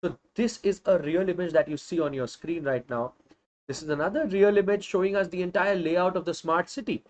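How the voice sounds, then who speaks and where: High-pitched North Indian man teaching emphatically. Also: brisk. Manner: emphatic, interjects Hindi phrases. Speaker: online social science teacher. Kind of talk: live exam revision lecture to students.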